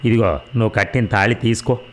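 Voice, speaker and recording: A man's voice: on the low side, steady tone, fast, natural voice. A man voicing a proud, sarcastic rich young wife in a read-aloud story, mocking and defiant. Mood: bitter. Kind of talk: audio drama reading.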